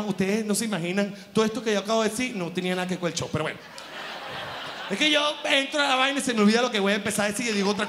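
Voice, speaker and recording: On a large theater stage before a live audience, a man with a high voice does rambling stand-up into a handheld mic, jumping into exaggerated put-on quotes. Background noise is audible.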